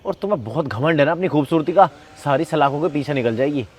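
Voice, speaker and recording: A man's voice: a little high, lively intonation, fast, darkish tone, breathy edge. A man playing an indignant, protective son. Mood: stern. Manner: indignant, scolding. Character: protective adult son, angry at his ex. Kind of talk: acted short skit.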